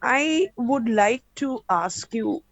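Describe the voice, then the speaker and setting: A woman asking a question in a webinar, earnest and measured, stretching her key words. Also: on the high side, expressive, no echo. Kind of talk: question in an online Q&A. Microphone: video call. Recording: dull lo-fi call audio.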